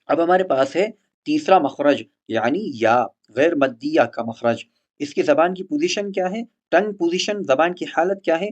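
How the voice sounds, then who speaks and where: Male Quran tutor for a recorded lesson, methodical and repetitive, slightly raised pitch, muffled lo-fi sound. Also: animated. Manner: patient, repeats example words slowly, mixes in English terms. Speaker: Quran tajweed teacher. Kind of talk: explaining letter articulation in a recorded lesson.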